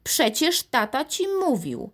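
A woman's voice: sits high, wildly swooping pitch, takes it slowly, a bit bright, voice pushed up, full character voice. A woman voicing an elderly grandmother who scolds her grandson anxiously in a storybook reading. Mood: worried.

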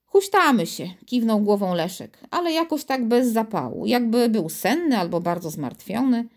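A woman reading a children's audiobook aloud. Her voice is fairly high and very lively in pitch. She tells the story in an expressive way. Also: normal speed. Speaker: narrator.

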